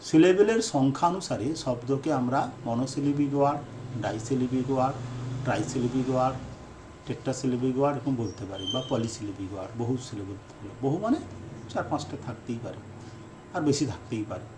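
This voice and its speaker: A man who is an English teacher giving a lesson, repeating his key definitions and speaking in slow, deliberate phrases with fillers. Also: medium pitch, lively intonation, noisy background. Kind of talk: explanatory lesson lecture.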